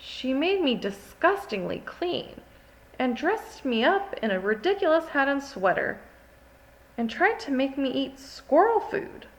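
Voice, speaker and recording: Woman as an indignant, animated little forest creature. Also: high voice, unhurried, heavily acted, low-quality recording. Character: indignant, haughty small furry wild forest creature.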